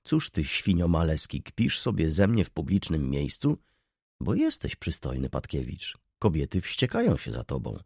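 A man's voice: a bass voice, wildly swooping pitch, moderate pace, creaky, a little mellow, husky, no echo, clean studio sound, exaggerated voice. A man voicing a gloomy young male student muttering sullenly.

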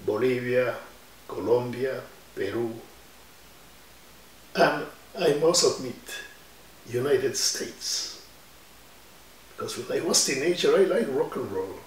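Slow-talking older man from Ecuador. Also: medium pitch, animated, slight background noise. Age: 70s. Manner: slow, reflective storytelling with hand gestures. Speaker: musician. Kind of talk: oral history interview. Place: indoor room with guitars on the wall. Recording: roomy sound from a distant mic.

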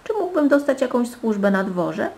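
A woman's voice: on the high side, sing-song, moderate pace, creaky, a little mellow, pitched above the performer's own voice. A woman voicing a polite but stubborn young man disguised as a swineherd in a fairy tale.

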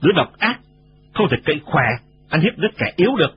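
A man's voice: a little high, sing-song, fast. A man voicing a brash, bold young male cricket who speaks bluntly and commandingly in a storybook reading. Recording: dull lo-fi recording with noise.

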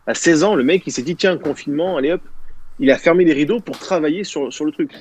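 A man in his thirties speaks quickly in a fairly high voice as a guest on a casual webcam video call. Calling in from a small room, he rambles, with many fillers and restarts.

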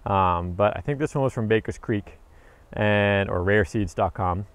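A man's voice: on the low side, normal speed, clean tone. A man in his thirties giving a casual, upbeat walk-through of his tropical garden, filmed outdoors on a handheld camera held at arm's length, rambling with fillers and self-corrections. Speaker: homesteader vlogger. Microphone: handheld action camera at arm's length.

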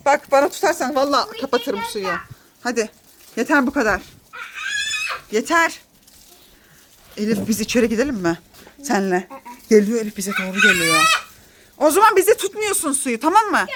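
A woman's voice: high voice, big pitch swings, moderate pace, pauses often, noisy background. A woman filming a family vlog outdoors in a garden, coaxing and scolding her children and laughing often.

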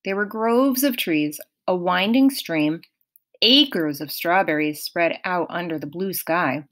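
A woman reading a novel aloud in first person, unhurried and expressive. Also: fairly low pitch. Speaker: audiobook reader.

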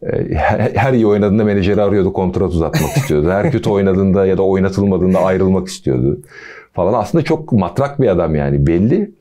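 A man hosting a football podcast, talking casually with a relaxed, chatty manner and jokey asides. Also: low voice, fast.

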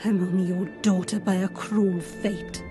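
An actress in an audio drama playing a young princess, wounded, bitter and defiant, with an indignant, emphatic delivery. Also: female voice, lowish voice, flat delivery, measured pace, lightly acted. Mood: bitter, accusing. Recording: music behind the voice.

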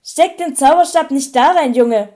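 A woman voicing a gruff, suspicious old male wizard who growls bluntly in an audiobook reading. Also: high voice, a little fast, mellow, natural voice.

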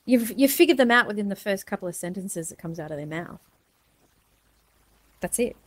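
Woman, older adult, mid-pitched voice, articulate, calmly challenging, casual argumentative chat. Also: normal speed.

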